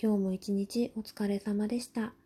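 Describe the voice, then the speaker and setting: A young woman hosting a personal talk show, chatting casually in a quiet, soft, breathy murmur at night about everyday life. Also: steady tone, normal speed. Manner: quiet, murmuring low-voiced talk at night beside sleeping children. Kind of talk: late-night casual chat, telling everyday family stories.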